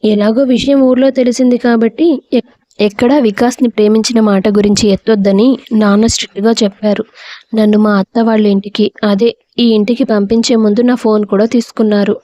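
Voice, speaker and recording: A woman voicing a spirited, stubborn young bride in a storybook reading, sharp-tongued and earnest. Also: on the high side, level tone, fairly quick, no echo, highs cut off, close to an everyday voice.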